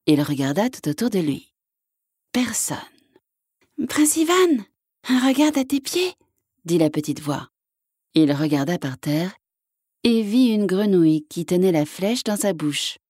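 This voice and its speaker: A woman narrating a children's fairy tale in a calm, clear storytelling manner. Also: sits low, measured pace, no echo, clean studio sound. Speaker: storybook reader.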